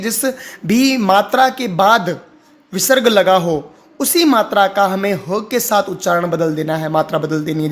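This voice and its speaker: A man teaching how to read and pronounce Sanskrit, explaining patiently and repeating words for the learner. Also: sits high. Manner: slow, deliberate chanting of Sanskrit lines. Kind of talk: explaining reading and pronunciation.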